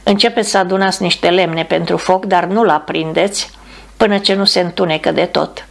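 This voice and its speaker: A male bomber captain gives steady, commanding orders to his crew, voiced by a woman reading an audiobook. The voice is low with a gravelly fry. It is an audiobook reading. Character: man, a calm bomber captain giving orders.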